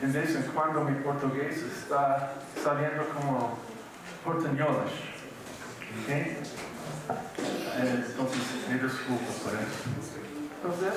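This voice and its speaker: An older keynote speaker gives a conference lecture in a large university auditorium, his medium-pitched voice slow and halting and sprinkled with Portuguese words. The recording was made from far off in the echoey hall, with the audience and background noise audible.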